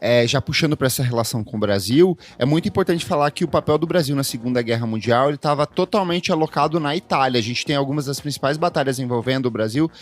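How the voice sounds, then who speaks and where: A man from Brazil co-hosting a podcast, telling family stories in a casual, warm way with many restarts. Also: medium pitch, quick pace, hardly any pauses. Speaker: podcast co-host. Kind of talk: casual chat.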